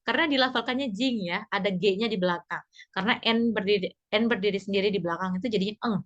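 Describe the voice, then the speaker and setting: A woman teaching a basic conversation class, explaining patiently in a chatty way, repeating points and pausing with fillers. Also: medium pitch, a bit bright, muffled recording. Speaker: Japanese teacher.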